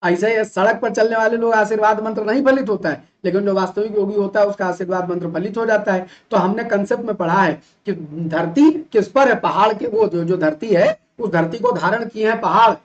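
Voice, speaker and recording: A male teacher from Uttar Pradesh giving an animated classroom lecture, full of rhetorical questions and mock imitations of students. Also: high-pitched, lo-fi sound. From Uttar Pradesh, India.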